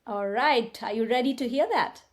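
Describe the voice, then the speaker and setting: Woman, Indian accent, Tamil native speaker, interview guest, storytelling, animated, higher voice. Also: moderate pace. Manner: animated, tag questions and quoted dialogue. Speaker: guest, migration agent.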